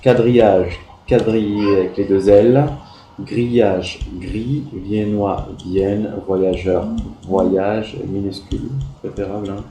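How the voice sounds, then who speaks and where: Man, primary teacher correcting spelling, spells letters one by one, warm mellow tone, roomy echo. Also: lowish voice, steady tone. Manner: slow, deliberate, spells words letter by letter. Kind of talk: correcting pupils' spelling work.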